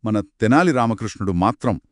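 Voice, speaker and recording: A man narrating a children's folk tale as a back-and-forth conversation, telling it with expressive, dramatic delivery. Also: fairly low pitch, normal speed, dry recording, studio quality. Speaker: storyteller. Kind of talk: children's story told as a two-voice conversation.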